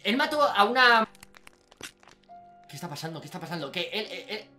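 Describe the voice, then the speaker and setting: With soft background music under him, a young gaming YouTuber from Spain talks briskly in a high voice. His let's-play narration is full of excitement, often punctuated by shouted exclamations.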